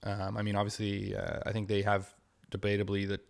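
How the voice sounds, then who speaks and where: A man's voice: on the low side, completely flat delivery, a little fast, vocal fry. Rambling man talking hoops. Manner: rambling, many fillers and restarts, laughs often. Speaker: podcast co-host. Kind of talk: casual sports chat.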